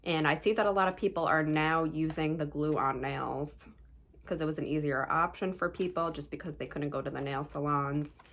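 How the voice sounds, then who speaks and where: A woman's voice: sits low, fairly even intonation, moderate pace, fairly bright tone. A young woman vlogger casually chatting through her favorite products of the month and recommending them to viewers. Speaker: beauty vlogger.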